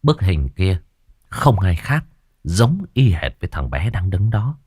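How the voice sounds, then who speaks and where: A man narrating a ghost story in an expressive storytelling manner. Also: sits low, unhurried, breathy edge, no room sound, clean studio sound.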